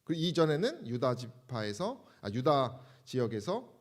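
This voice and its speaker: A male pastor giving a Bible lecture sermon to his congregation in a measured, explanatory way while referring to slides. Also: mid-range voice, very animated. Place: church.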